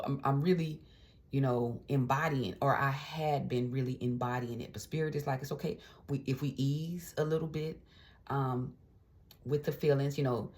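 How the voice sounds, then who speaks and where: A woman's voice: a bass voice, a little mellow. A woman tarot reader giving a casual, encouraging reading straight to camera. She talks in a chatty way, often adding little check-ins and fillers, and keeps an uplifting spiritual tone. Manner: spiritual, uplifting pep-talk tone.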